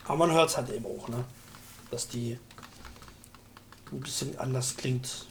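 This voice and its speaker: A man's voice: mid-range voice, measured pace, creaky, a little hiss or hum. A man chatting casually about technology and explaining it in a colloquial way, often checking in with short question tags. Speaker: discussion participant demonstrating software.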